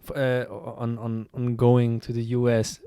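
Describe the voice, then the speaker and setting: A man's voice: mid-range voice, completely flat delivery, a little slow, warm tone, smooth, dry recording. A man hosting a casual podcast interview, asking questions and answering with short reactions of encouragement. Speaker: podcast host.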